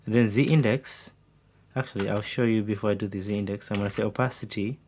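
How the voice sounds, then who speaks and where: A man's voice: lowish voice, fairly even intonation, fast, darkish tone. A man teaching frontend coding, thinking aloud step by step with fillers as he types code. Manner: talks while typing, thinks aloud with fillers. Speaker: coding instructor. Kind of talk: screen-recorded coding tutorial. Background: keyboard typing.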